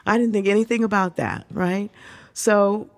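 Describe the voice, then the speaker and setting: A woman's voice: medium pitch, normal speed, vocal fry. An older woman, a singer, telling a story with laughter and acted-out voices. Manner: animated, laughing, acts out quoted voices. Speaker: singer, guest.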